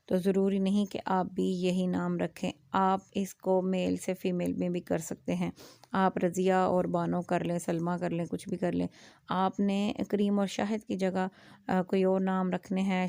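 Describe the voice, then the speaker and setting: A young adult woman teaching a lesson, her voice gravelly with vocal fry and fairly flat in pitch. She explains patiently, spells out words letter by letter and often pauses with filler sounds. The sound is close and dry. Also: no room sound. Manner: frequent "aa" fillers, asks "theek hai?". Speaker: Urdu teacher. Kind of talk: classroom lecture.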